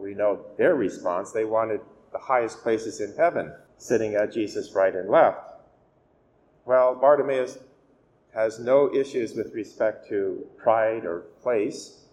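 A man's voice: mid-range voice, darkish tone. Male priest preaching with cathedral echo. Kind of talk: scripture reading and homily. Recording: echoey church reverb, clear background noise.

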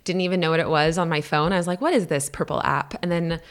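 A low-pitched woman in her thirties, originally from Canada, talks as a podcast guest. She rambles casually, fills pauses with "um" and "yeah", and laughs easily. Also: fairly even intonation, clean tone. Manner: chatty, laughing, lots of fillers like "um" and "yeah". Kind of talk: casual interview chat.

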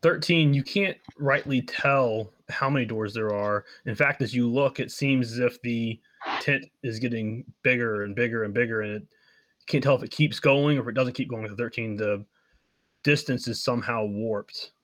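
A man narrating as game master, describing scenes in a halting way with fillers. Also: medium pitch, a bit bright, no room sound.

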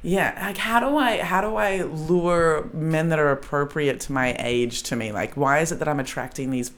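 A woman's voice: low voice, moderate pace. A woman, a comedian hosting a casual chat, who laughs often and trails off mid-sentence. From Australia. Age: 30s. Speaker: comedian and podcast host.

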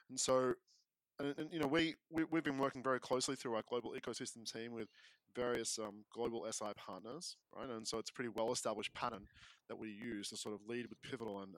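An Australian man talking as a podcast guest in casual chat, quick and often restarting phrases as he explains. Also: medium pitch, no room sound, poor audio.

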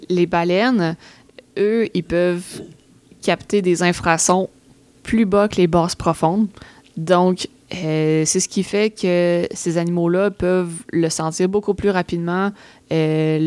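A woman's voice: lowish voice, darkish tone, clean tone, no echo. A woman with a Québécois French accent explaining facts in a casual chat, hesitant, with many fillers.

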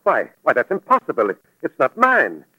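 An actor playing a fussy, indignant museum scholar in a 1940s radio drama, prim and stammering. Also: male voice, a little high, huge pitch swings, moderate pace, sharp tone, breathy edge, no room sound, lo-fi sound, heavily acted. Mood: alarmed. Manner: prim, stammering when alarmed. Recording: dry vintage radio recording.

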